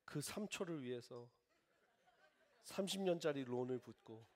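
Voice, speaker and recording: A male pastor preaching a sermon, lively and acting out little scenes of dialogue in different voices. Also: medium pitch, unhurried. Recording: long reverb of a large church hall.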